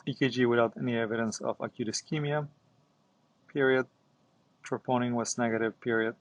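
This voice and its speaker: A man's voice: mid-range voice, steady tone, fairly quick, no echo, low-quality recording. A man, a doctor, doing medical dictation in clipped phrases, speaking punctuation and commands aloud. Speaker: doctor and founder demonstrating dictation.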